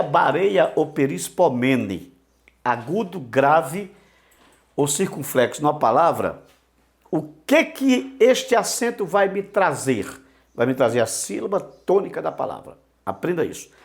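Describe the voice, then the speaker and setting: A man's voice: fairly high pitch, big pitch swings, a little slow, vocal fry. A man teaching a Greek lesson, repeating key words and asking himself questions. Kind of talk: online lesson.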